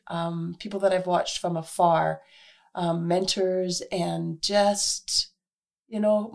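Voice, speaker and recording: A woman radio host, hoarse from illness, speaks in a husky, gravelly voice on the low side. Her casual monologue is chatty and earnest, full of fillers.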